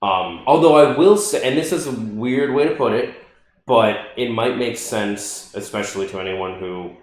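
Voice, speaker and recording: A man's voice: medium pitch, normal speed, heavy reverb, rough recording. A man co-hosting a podcast in casual chat, rambling with lots of fillers and restarts, swearing now and then. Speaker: podcast co-host.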